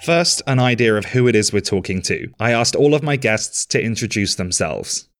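A man hosting a podcast, reading scripted narration in a measured, explanatory way. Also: lowish voice, expressive, music in the background. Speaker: podcast host.

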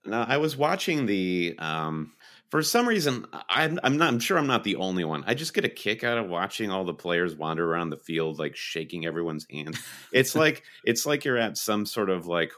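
Very deep-voiced man, chatty football podcaster. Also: moderate pace. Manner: rambling, animated storytelling with put-on voices. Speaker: podcast co-host. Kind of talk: casual fantasy football chat.

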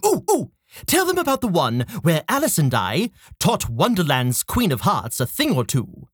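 A man's voice: fairly high pitch, huge pitch swings, normal speed, husky, no room sound, studio quality, exaggerated voice. A man doing an eager, chatty hedgehog storyteller. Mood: excited.

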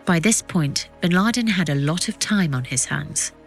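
A woman reading scripted documentary narration as a podcast narrator, with measured, suspenseful storytelling. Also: on the low side, lively intonation, faint music behind.

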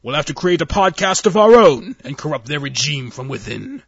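A man's voice: on the high side, very animated, moderate pace, creaky, a bit bright, husky, no room sound, muffled recording, full character voice. A man voicing a furious, commanding alien male admiral with eye stalks, growling and blustering in a story reading. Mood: roaring.

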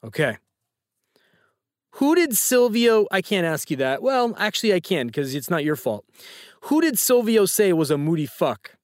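A man's voice: a little high, sing-song, normal speed, no room sound, studio quality. A man hosting a casual trivia quiz, upbeat and teasing as he quizzes a caller. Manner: upbeat, playful, teasing quizmaster. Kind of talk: casual podcast quiz banter.

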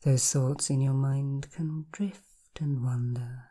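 Woman hypnotherapist for a guided session: very deep voice, dark tone, soft and half-whispered, with slow repeated suggestions. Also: steady tone, husky.

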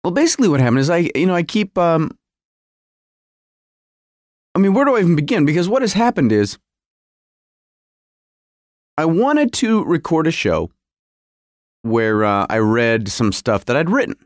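A man's voice: a little high, very animated, moderate pace, pauses often, no room sound, clean studio sound. A man hosting a casual solo podcast from his home garage, rambling wryly and often interrupting himself. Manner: self-interrupting, wry. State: feeling cold. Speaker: podcast host.

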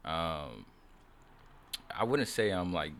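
A young man from Sudan, raised in Seattle, talking as a podcast guest in a relaxed, rambling way, full of restarts and "you know what I mean". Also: low voice, slow, vocal fry, slight background noise. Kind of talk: casual chat.

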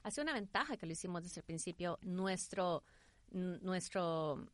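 Animated, informal woman being interviewed. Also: fairly low pitch, normal speed, no echo. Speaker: interview guest, entrepreneur. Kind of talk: conversational interview.

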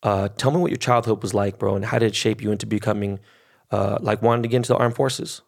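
Gravelly LA dude in his 40s hosting a podcast, low voice, cusses a lot, gets hyped and cuts in. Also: quick pace. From Los Angeles. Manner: profane, excitable, interrupting. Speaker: podcast host. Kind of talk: casual interview.

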